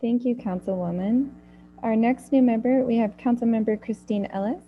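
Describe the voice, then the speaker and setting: Woman facilitator, polite and brisk, higher pitch, dull lo-fi audio. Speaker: meeting facilitator. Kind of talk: introducing members at a meeting.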